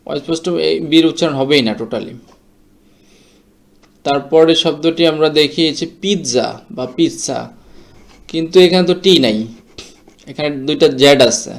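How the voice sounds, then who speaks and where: A man whose first language is Bengali teaches how to pronounce English words, mixing English terms into his talk. His voice is fairly high and gravelly, and he delivers the explanatory lesson slowly and carefully.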